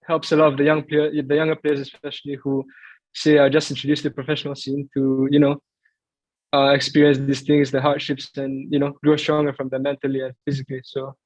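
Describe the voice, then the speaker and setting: Young male footballer, flat hesitant delivery. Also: medium pitch, fairly quick, dry recording, poor audio. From Greece. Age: young adult. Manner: thoughtful, hesitant with many fillers. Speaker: footballer guest. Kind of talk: casual interview answers.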